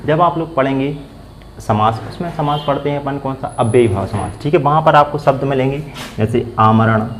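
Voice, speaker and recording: A man of ordinary pitch teaches grammar. He fires off questions and answers them himself, repeating the key terms. Faint noise sits under the recording. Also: brisk, low-quality recording. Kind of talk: classroom-style grammar lesson.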